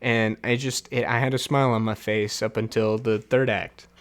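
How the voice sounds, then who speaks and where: A man's voice: on the low side, fairly even intonation, moderate pace. Chatty laughing male film reviewer. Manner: chatty, laughs often, many fillers and restarts. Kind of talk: casual solo film review.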